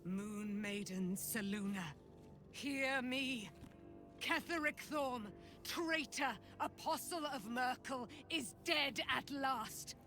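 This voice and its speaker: Slow, grand, declaiming warrior woman. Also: sits high, bright, forceful tone, exaggerated voice. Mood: exultant, proclaiming. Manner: grand, declamatory, archaic phrasing. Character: exalted female warrior, grand, devout and vengeful. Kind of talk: video game dialogue, theatrical declamation. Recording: music behind the voice.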